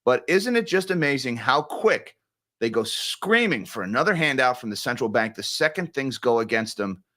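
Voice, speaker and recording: A man's voice: mid-range voice, lively intonation, moderate pace, pushed and bright. A man commenting on a live stream, fiery and mocking as he rants. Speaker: co-host, commentator.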